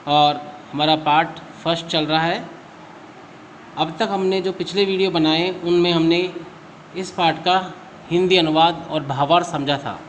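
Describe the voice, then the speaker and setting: A man's voice: on the high side, slight background noise. A male school teacher giving a recorded class lesson, patiently asking questions and answering them himself. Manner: addresses students as beta.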